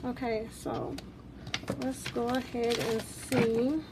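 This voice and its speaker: Slow-paced, higher-voiced woman with braces. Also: flat delivery, heavy background noise. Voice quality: slightly altered articulation from new braces. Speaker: vlog host. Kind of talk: casual chat while counting cash and cards.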